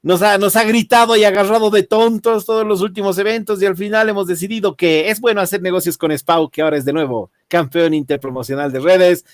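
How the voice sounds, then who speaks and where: A man with a Bolivian accent hosting a casual wrestling commentary, reviewing matches in a jokey, halting way. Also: sits high, no echo, clean studio sound. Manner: animated, jokey, swearing, halting repetitions. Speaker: wrestling show host.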